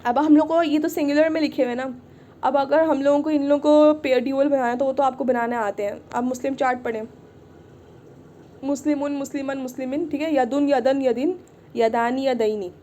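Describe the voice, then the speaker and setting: A woman's voice: sits high, fairly even intonation, a little fast, mellow. A woman teaching an online Arabic class, patiently repeating and checking in with her students. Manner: patient, repeats "ठीक है" often.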